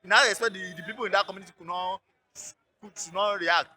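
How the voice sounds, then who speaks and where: A Nigerian man with a high voice and a sharp, very bright tone. He talks haltingly at a roadside interview and keeps restarting his words as he builds his case. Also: fairly even intonation. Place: outdoors by a road.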